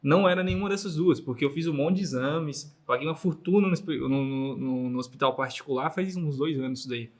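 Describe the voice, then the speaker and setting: A man co-hosting a podcast in a somewhat high voice. He jumps in to clarify and add his own points, talking casually. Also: a little fast, hardly any pauses, darkish tone. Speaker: podcast co-host.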